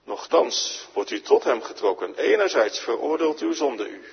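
A man's voice: mid-range voice, lively intonation, moderate pace, creaky, a little hiss or hum. A man preaching a sermon in a church, pleading and rising to emphatic climaxes, acting out dialogues between sinner and Jesus. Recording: lo-fi church radio broadcast with long reverb.

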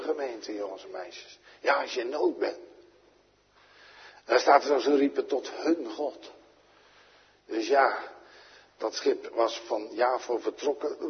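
A man preaching a sermon to his congregation in a Dutch accent from around The Hague, with loud emphatic peaks, soft asides and frequent restarts. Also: mid-range voice, slightly rough. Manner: repeats words and restarts often. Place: church pulpit. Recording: reverberant church, dull lo-fi radio sound.

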